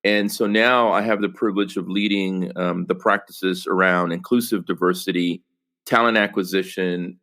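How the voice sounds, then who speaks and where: A man's voice: low-pitched, a bit bright. A man from El Salvador, a podcast guest talking earnestly about his work, with many fillers and restarts. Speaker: podcast guest, company executive. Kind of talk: casual interview conversation.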